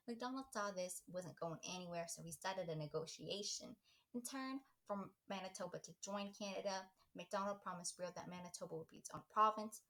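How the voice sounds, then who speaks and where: A woman playing a dramatic Texan history narrator with a slightly low voice. She reads from a script in a Texas drawl, giving emphatic weight to her delivery. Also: lightly acted, rough recording. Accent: put-on Texas accent. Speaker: history presenter.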